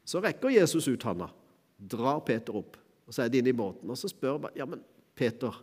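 A man's voice: medium pitch, very animated, darkish tone, breathy edge, big-room sound. A middle-aged man preaching a sermon in a church, talking in a conversational way with fillers and small chuckles.

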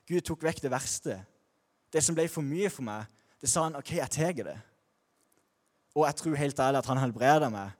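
Young man, mid-pitched, candid faith testimony, slangy and halting, long reverb. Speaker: speaker sharing a personal faith testimony. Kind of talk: personal testimony talk.

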